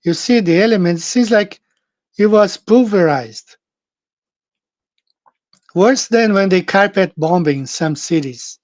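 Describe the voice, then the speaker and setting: A man hosting his own channel, talking through scripture in an earnest, halting way, with frequent restarts and fillers. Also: high voice, no echo. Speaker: channel host. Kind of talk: casual monologue on scripture.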